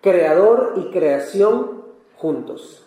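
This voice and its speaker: A man from Peru, a missionary, preaching calmly in short phrases and pausing for his interpreter in a church. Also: high-pitched. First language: Spanish. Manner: calm, measured, pausing for translation. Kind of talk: sermon with interpreter. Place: church hall. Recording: echoey church hall.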